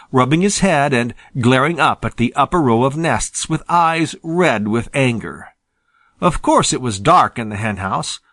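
A man narrates a children's storybook in an expressive, lively read. His pitch moves a lot. The recording is dry and close to the mic. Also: no room sound. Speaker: audiobook reader.

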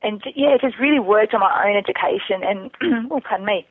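A woman with a mid-range, slightly breathy voice speaks fairly quickly as a guest in a casual interview. She answers questions about herself candidly over a thin, narrowband phone or internet call.

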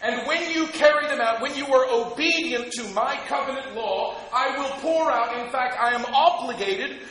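Male pastor, high voice, emphatic sermon delivery, echoey church hall. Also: normal speed. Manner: emphatic, swinging between loud stresses and quiet asides.

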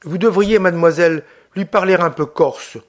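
A man's voice: high-pitched, moderate pace, lightly acted. A man doing a chatty farm woman. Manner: talkative, apologetic.

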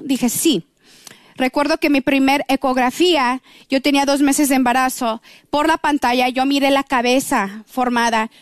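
High-voiced woman. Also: no echo, clean studio sound. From Mexico. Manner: earnest, emotional storytelling with quoted voices. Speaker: guest giving testimony. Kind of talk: personal testimony on a radio program.

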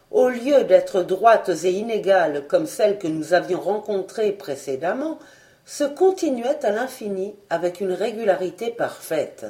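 A woman reading an adventure novel aloud with expressive, deliberate storytelling. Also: medium pitch. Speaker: narrator.

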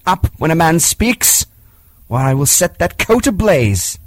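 A defiant jungle boy , as a male reader puts him on, his voice lifted well above the reader's own and swinging up and down as he commands. The tone is a little husky and sits close and dry, like a storybook read aloud. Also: on the high side, big pitch swings, measured pace, dry recording, pitched above the performer's own voice. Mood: defiant, commanding. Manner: proud, commanding, archaic speech. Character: fierce defiant boy raised by wolves.

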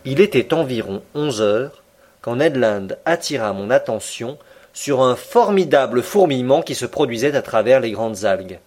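A man narrating a classic novel as an audiobook in a measured, even reading style. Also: mid-range voice. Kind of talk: scripted literary narration.

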